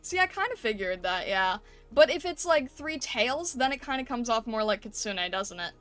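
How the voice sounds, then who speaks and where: Female art streamer, higher register, informal and conversational, speaking over background music. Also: lively intonation, moderate pace, fairly bright tone. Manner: conversational, often ends with tag questions. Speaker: streamer hosting an art livestream. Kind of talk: casual livestream chat.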